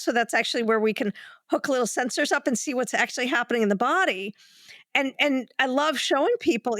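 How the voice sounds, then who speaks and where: A woman psychologist calmly explaining self-calming techniques as a podcast guest, with many fillers and restarts, at times demonstrating breathing. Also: on the high side, no echo, studio quality. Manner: demonstrates breathing while talking. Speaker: clinical psychologist.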